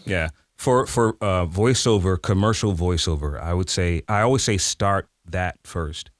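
A man who coaches voiceover talent talks through his craft in a relaxed interview. His voice sits a little low. The sound is dry and close, with no room around it. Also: measured pace, no room sound. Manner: animated, conversational, jumps into demo voices. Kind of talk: casual interview talk.

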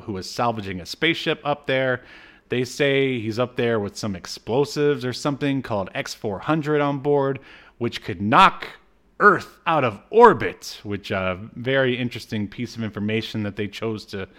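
A man's voice: mid-range voice, normal speed, a bit bright. A man co-hosting a podcast, recapping a cartoon episode in casual chat, rambling with many fillers and frequent laughs. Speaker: podcast co-host.

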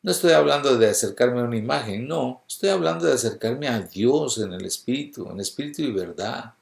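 A man preaching a sermon with passion, moving from soft, intimate moments to loud exhortation. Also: medium pitch, expressive, brisk, vocal fry, roomy sound.

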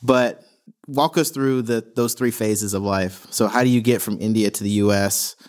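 A man's voice: fairly low pitch, fairly even intonation, normal speed, darkish tone. A man co-hosting a podcast, upbeat, who laughs easily and leads with questions. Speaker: podcast co-host. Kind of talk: casual interview chat.

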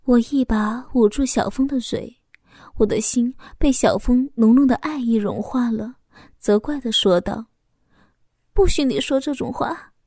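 Brief: female audiobook narrator, emotional first-person confession, higher voice, close and dry. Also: measured pace, warm tone, dry recording.

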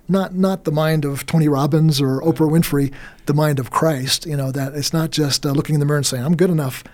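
This is a middle-aged man with a fairly high voice, speaking as a guest minister in a faith interview. He talks earnestly, often stumbling, restarting and repeating words as he pushes his point.

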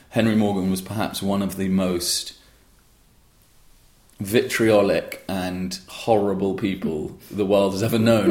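A man with a deep, low voice talks at length in an interview about starting his own rum brand. His answers wander and restart, dotted with fillers. The room around him rings with echo. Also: darkish tone. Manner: rambling with frequent restarts and fillers. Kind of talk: conversational interview.

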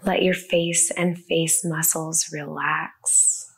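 Slow, soothing woman guiding a meditation. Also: sits low, level tone, breathy edge. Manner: slow, soft and soothing, with long pauses. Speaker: meditation guide. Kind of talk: guided body-scan meditation. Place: a room with the listeners present.

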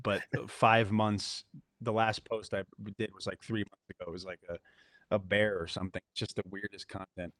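A man's voice: lowish voice, level tone, normal speed, fairly bright tone, no echo, rough recording. A young man from Connecticut, a musician and podcast guest, chatting casually and rambling, with many restarts and self-deprecating asides, over a computer mic. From Connecticut, USA. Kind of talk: casual interview chat. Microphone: computer mic over remote call.

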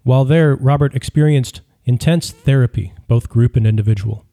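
A man reading a true-crime audiobook in scripted narration, measured and even. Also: mid-range voice.

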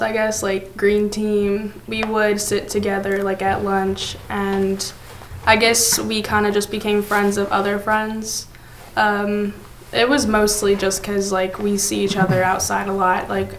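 Flat-voiced hesitant teen girl, echoey room. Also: medium pitch. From Atlanta, Georgia. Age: teens. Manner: hesitant, filler-heavy. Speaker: student guest. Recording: echoey room with faint noise.

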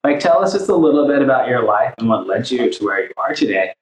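A man hosting a podcast interview, asking questions with many fillers and pauses. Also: medium pitch, big pitch swings, roomy sound. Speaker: podcast host.

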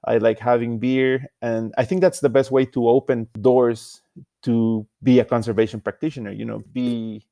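A man's voice: mid-range voice, flat delivery, moderate pace, vocal fry, dark tone, dry recording. A man from Rica, giving easygoing, unpretentious answers as a guest in an interview. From Costa Rica. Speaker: guest conservation scientist.

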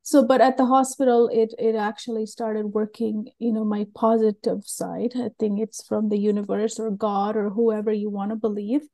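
A woman's voice: medium pitch, flat delivery, moderate pace, few pauses, dark tone. A middle-aged woman from Sri Lanka, a guest telling her story openly and earnestly in loose rambling phrases. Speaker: guest, learning method creator. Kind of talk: candid personal interview.

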